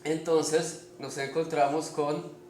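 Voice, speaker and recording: A man teaches a spelling lesson in a slow, deliberate way, stopping often to check that his listeners follow. His voice sits a little high for a man. The room is echoey, with a faint hiss of noise behind him. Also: little pitch movement, a little mellow. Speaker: language teacher.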